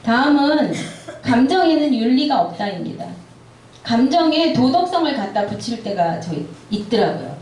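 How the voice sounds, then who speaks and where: A woman's voice: high voice, very animated, moderate pace. A middle-aged woman giving a church seminar for parents, telling stories and acting out quoted dialogue. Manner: warm storytelling, acts out quoted dialogue. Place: church hall. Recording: echoey hall from far off.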